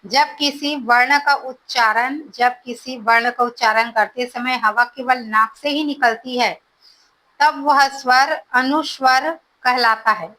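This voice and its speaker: Slow, bright-voiced woman teaching grammar. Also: high voice, fairly even intonation, low-quality recording. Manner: explains slowly, repeats definitions, checks with "ठीक है". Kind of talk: exam-prep grammar lesson.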